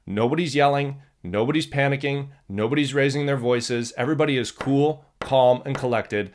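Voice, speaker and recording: Male host, American accent, medium pitch, explanatory instructor commentary. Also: normal speed. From United States.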